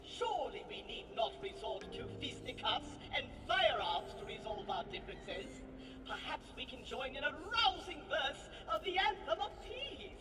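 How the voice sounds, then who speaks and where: Fussy genteel merchant, pompous old-fashioned diction, lively swooping pitch, video game character, echoey. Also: female voice, moderate pace, recorded from a distance. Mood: pleading. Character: prim, genteel tea merchant, pompous and fretful. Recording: echoey hall reverb, music behind.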